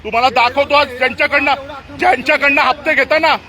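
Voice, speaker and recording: A man's voice: extremely high pitch, fairly even intonation, quick pace, sharp tone, a faint crowd. A man angrily confronting municipal workers outdoors, scolding and demanding answers while streaming live on his phone. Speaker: citizen confronting municipal staff. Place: outdoors on a busy street. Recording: street traffic noise behind.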